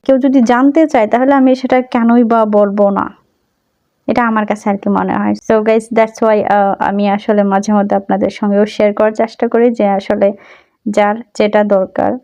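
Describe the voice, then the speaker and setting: Young woman slowly repeating lesson phrases. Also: mid-range voice, dark tone, lo-fi sound. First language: Bengali. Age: young adult. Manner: slow, careful repetition of phrases; chatty and humble. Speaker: language teacher. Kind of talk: spoken language lesson.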